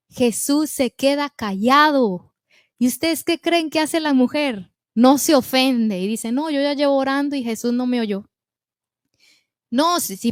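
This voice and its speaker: Woman, sermon, impassioned, high voice, dry sound. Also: darkish tone, no echo. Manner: impassioned, asks the listeners questions, acts out pleading prayers. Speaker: preacher. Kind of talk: sermon to a women's meeting.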